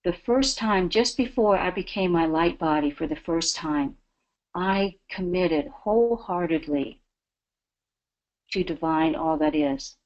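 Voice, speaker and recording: A woman's voice: on the low side, expressive, unhurried, darkish tone, lo-fi sound. A woman giving a spiritual talk as a webinar guest, earnest and devotional. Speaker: guest speaker.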